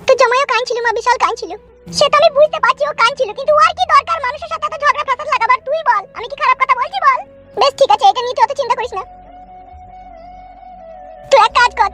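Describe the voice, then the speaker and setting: A woman's voice: extremely high pitch, pushed and bright, pitched above the performer's own voice. A woman voicing a nagging older mother in a comedy cartoon. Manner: nagging, scolding. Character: scolding older village mother.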